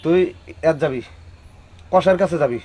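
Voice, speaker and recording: Guy doing a bossy old grandpa who just got married, a bit high-voiced, teasing and suspicious. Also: normal speed, dark tone, natural voice. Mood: commanding. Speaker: old groom. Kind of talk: comic audio drama acting.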